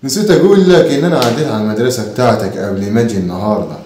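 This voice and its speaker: A man's voice: medium pitch, very fast, close to an everyday voice. Man playing a sarcastic Egyptian father. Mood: mocking. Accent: Egyptian Arabic. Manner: sarcastic, teasing, lively sing-song. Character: mocking, stingy father teasing his son. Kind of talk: home comedy sketch. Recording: echoey room.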